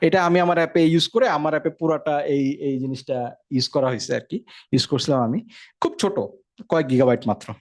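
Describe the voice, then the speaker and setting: Man, casual tech lecture, rapid delivery, slightly high voice, keeps checking in with listeners. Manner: fast, conversational, frequent check-ins. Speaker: instructor.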